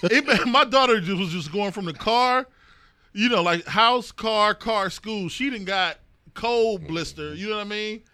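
A man's voice: sits high, measured pace, sharp tone, clear, resonant tone, dry recording. A man co-hosting a podcast, chatting casually in a slangy, profane, joking way. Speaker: podcast co-host. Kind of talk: casual chat.

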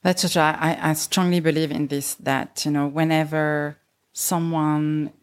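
A woman's voice: low-pitched, level tone, a little slow. A woman hosting a casual interview, listening attentively and agreeing. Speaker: podcast host.

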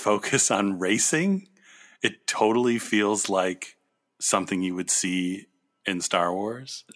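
Male podcast host, lowish voice, relaxed conversational delivery for pop-culture chat.

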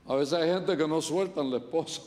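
Joking Puerto Rican pastor preaching. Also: male voice, a little high, darkish tone. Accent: Puerto Rican Spanish. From Puerto Rico. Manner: joking, storytelling, quick asides. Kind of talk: humorous sermon. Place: church service.

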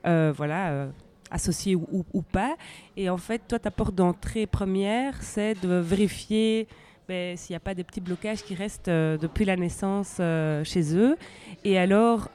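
A woman's voice: on the low side, unhurried, warm tone, clean tone. A woman hosting a podcast interview, chatty and encouraging, summing up her guest's answers. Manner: chatty, encouraging, frequent backchannels. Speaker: podcast host.

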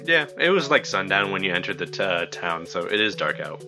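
A man's voice: low-pitched, very animated, brisk, music in the background. A man narrating as game master of a tabletop game, casual with many fillers. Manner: casual, filler-heavy, laughing.

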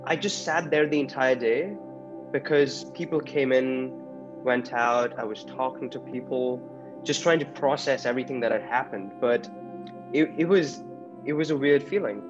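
Young student, easygoing and wry, muffled lo-fi recording with music underneath. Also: male voice, mid-range voice, normal speed. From India. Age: young adult. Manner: joking, repeats words. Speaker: university student. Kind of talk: casual storytelling in interview.

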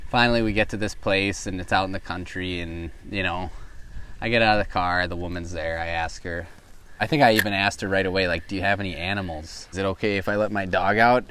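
A man's voice: deep voice, fairly bright tone, a little hiss or hum. A man who runs a tree service, telling a casual, rambling story from a boat on the river, full of "like" and "you know.".

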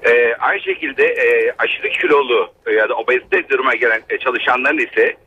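A man's voice: medium pitch, moderate pace, breathy edge, phone-quality sound. A man in his fifties calling a radio show over a landline phone, explaining his point with frequent hesitations. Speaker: caller, human resources trainer. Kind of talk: call-in radio talk.

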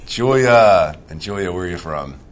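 A man's voice: low voice, animated, normal speed, slight background noise. A man hosting a school podcast, interviewing a new student with short friendly prompts. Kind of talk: casual interview.

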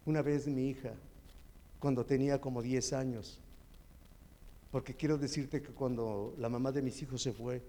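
A man's voice: mid-range voice, steady tone, normal speed, pauses often, warm tone. A man with a Mexican accent giving a heartfelt, tearful personal testimony in church.

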